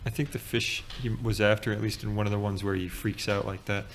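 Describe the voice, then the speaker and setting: A man co-hosting a podcast, talking in a relaxed, hesitant way with frequent pauses. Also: on the low side, slight background noise. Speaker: podcast co-host. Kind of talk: casual chat.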